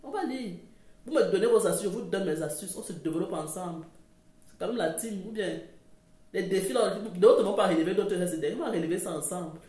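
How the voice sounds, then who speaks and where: A woman's voice: medium pitch, a little fast, warm tone. A woman talking casually to camera about parenting, chatty and rambling, often correcting herself. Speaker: parenting vlogger. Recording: roomy echo.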